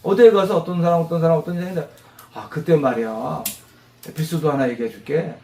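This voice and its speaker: A man teaching English vocabulary to a class of mothers, animated, quizzing them and drilling repetition. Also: on the high side, quick pace. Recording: roomy classroom echo.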